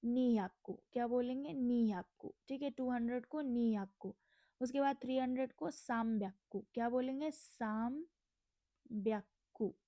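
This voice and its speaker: Young indian woman teaching words, repeats them slowly, mellow dry voice. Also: fairly high pitch, no room sound. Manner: repeats words slowly, asks and answers her own questions. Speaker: Japanese language teacher. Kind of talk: casual Hindi language lesson.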